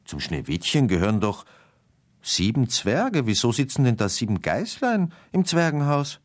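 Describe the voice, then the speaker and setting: A man's voice: mid-range voice, big pitch swings, normal speed, voice pushed up, lightly acted. A man voicing a good-natured teenage boy in a bedtime story. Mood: patient. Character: good-natured thirteen-year-old big brother.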